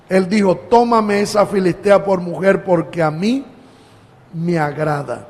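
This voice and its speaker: Male pastor preaching in a church, slow and high-pitched, long hall echo. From Colombia. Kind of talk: sermon.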